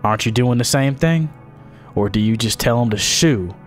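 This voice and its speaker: A man voicing a gruff old wandering drifter from a game, talking in a conspiratorial way. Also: mid-range voice, lively intonation, moderate pace, faint music behind, close to an everyday voice.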